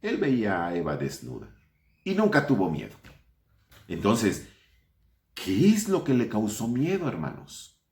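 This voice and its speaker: Questioning pastor, echoey room. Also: male voice, fairly low pitch, huge pitch swings, measured pace, pauses often, a little mellow. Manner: asks the congregation questions, addresses them as brothers. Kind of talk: online Sunday sermon.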